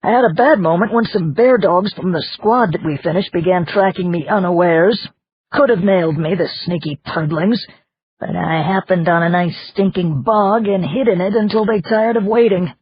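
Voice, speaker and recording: A narrator voicing a boisterous one-legged little man who talks loudly and brashly, in an audiobook. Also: mid-range voice, moderate pace, slight background noise, pitched above the performer's own voice, close to an everyday voice. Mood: boastful. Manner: loud, brash and chatty. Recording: dull lo-fi audiobook recording.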